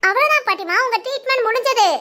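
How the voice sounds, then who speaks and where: A woman's voice: very high-pitched, racing, sharp tone. A woman voicing a young hospital nurse in a family cartoon, polite and reassuring. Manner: polite, reassuring, explaining patiently. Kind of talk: Tamil family cartoon voice acting.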